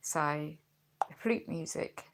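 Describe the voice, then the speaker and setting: A low-pitched woman draws out her words as she rambles chattily for her vlog, with sighs and tag questions, her voice congested and fading. A friend holds the phone filming her at home, and heavy background noise fills the clip.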